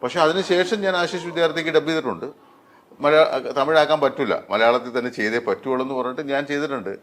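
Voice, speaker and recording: A middle-aged man, a dubbing artist, talking in an interview with many pauses and fillers. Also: a little high, a bit bright. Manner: hesitant, many fillers and restarts. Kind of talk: interview conversation.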